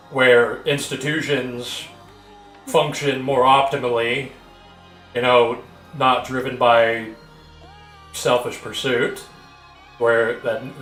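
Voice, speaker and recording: A man hosting a casual voice-call discussion, explaining his views in a measured way and often restarting his phrases. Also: medium pitch, a bit bright. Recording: roomy echo.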